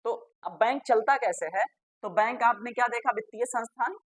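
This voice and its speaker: A woman's voice: fairly high pitch, fairly quick, breathy edge, no room sound. A woman teacher. She gives a classroom grammar lesson, spells words out letter by letter and repeats them, and asks the class questions that she then answers herself.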